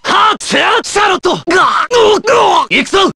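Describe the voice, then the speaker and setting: A man voicing a brash, hot-blooded young vampire hunter in an anime video game, yelling move names as attack shouts. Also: very high voice, lively intonation, normal speed, vocal fry, no room sound, heavily acted. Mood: fiery.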